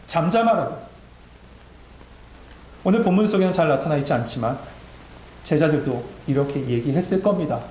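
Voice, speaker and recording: A man's voice: high-pitched, a little mellow. A male pastor preaching a sermon to his congregation. He exhorts his listeners and builds to emphatic peaks. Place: church sanctuary. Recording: echoey church sanctuary with faint hum.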